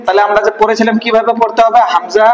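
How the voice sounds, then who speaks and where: A man's voice: high voice, quick pace. Man, Quran reading teacher, drills letter sounds, quizzes students, reverberant room. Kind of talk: online Quran lesson, call and response. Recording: echoey room with long reverb.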